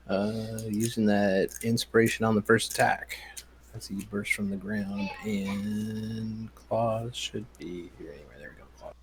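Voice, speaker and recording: A man's voice: on the low side, slight background noise. A man playing a tabletop game, chatting casually about his moves.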